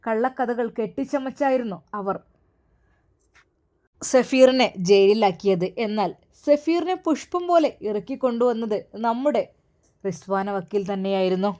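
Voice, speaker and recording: A woman narrating a dramatic story in an expressive, emphatic way. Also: a little high, a little slow.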